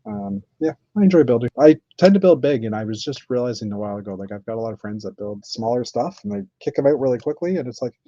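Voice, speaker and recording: A man chatting casually on a live stream while building, thinking aloud with many pauses and fillers. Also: medium pitch, lively intonation, vocal fry, mellow, no room sound. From Canada. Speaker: streamer building with toy bricks. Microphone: computer mic on live stream. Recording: dull lo-fi stream audio.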